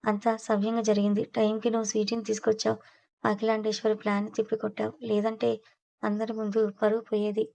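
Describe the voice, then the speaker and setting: A woman's voice: medium pitch, completely flat delivery, fast, vocal fry, mellow, lightly acted. A woman voicing a young husband who talks in a teasing, reassuring way, in an audio story. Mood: confident. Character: young man, playful, protective husband.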